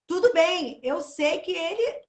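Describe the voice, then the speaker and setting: A woman's voice: extremely high pitch, expressive, measured pace, roomy sound. A middle-aged woman telling an emotional personal testimony, talkative and full of "né". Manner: talkative, emotional storytelling with many "né". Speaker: host of a live church chat series. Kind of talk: casual testimony chat.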